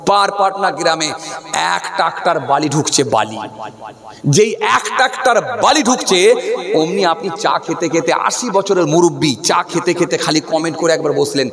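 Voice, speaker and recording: A man delivers a waz sermon in a high, hoarse voice. He swings into chanted, rising bursts and keeps throwing questions at his listeners. A large crowd is clearly heard around him. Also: expressive, normal speed. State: hoarse, unwell. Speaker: Islamic preacher.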